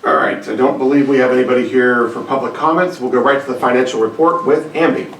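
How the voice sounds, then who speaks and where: A man runs a city council meeting, calling for votes and motions with halting restarts. His voice sits away from the mic in a reverberant chamber, with faint noise beneath. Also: mid-range voice, a bit bright. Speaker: council presiding officer. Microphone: distant room mic. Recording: echoey chamber, distant mic.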